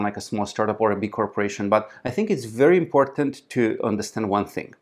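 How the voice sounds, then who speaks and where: A man's voice: on the low side, gravelly. A man, answering interview questions in English as a startup founder, with frequent restarts and fillers, recorded seated in a small conference room. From Romania. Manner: halting, frequent restarts and fillers, gestures while talking.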